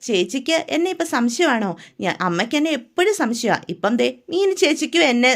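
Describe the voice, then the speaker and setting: A woman voicing a young woman who answers her older sister defensively with sharp retorts. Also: high voice, expressive, a little fast.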